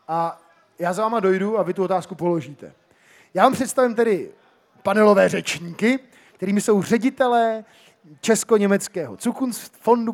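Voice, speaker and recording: High-voiced joking male moderator. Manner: chatty, joking, switches between Czech and German. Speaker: panel moderator. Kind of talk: live festival panel moderation. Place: outdoor street festival stage. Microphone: shared handheld microphone.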